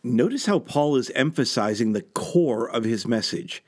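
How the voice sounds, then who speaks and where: A man's voice: mid-range voice, animated, normal speed. A man teaching a scripture lesson in an earnest way, asking reflective questions and explaining the passages.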